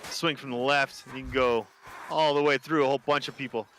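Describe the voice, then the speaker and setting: A man's voice: mid-range voice, steady tone, brisk, noisy background. A man hosting a live gaming stream, chatting casually and joking. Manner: joking, laid-back. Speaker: streamer host. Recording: game music behind.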